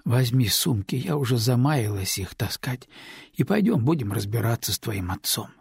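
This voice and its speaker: An exhausted middle-aged woman answers with tired firmness, as a male narrator lowers his husky voice. The sound is dry and close. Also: lively intonation, moderate pace, darkish tone, no room sound, exaggerated voice. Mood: weary, firm. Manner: tired, sighing, firm.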